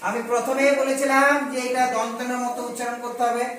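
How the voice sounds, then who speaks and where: A man teaches a children's lesson in a slow, patient way, repeating each word and asking simple questions. His voice comes from some distance, and it rings through a very echoey room with faint noise behind it. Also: extremely high pitch, level tone. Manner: patient, repeats words slowly and asks questions. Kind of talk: children's Bengali spelling lesson.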